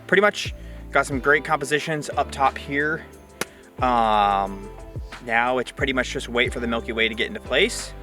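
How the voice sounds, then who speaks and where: A man's voice: mid-range voice, sharp tone. Easygoing young man chatting outdoors. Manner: chatty, easygoing, with many fillers. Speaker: vlogger. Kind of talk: casual vlog narration. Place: outdoors at a campground and lighthouse.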